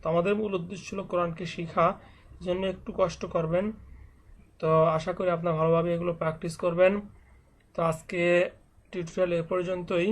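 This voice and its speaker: A man's voice: high voice, level tone, fairly quick, pauses often. A man teaching an online reading lesson, spelling out letters and syllables one by one and patiently repeating them for learners.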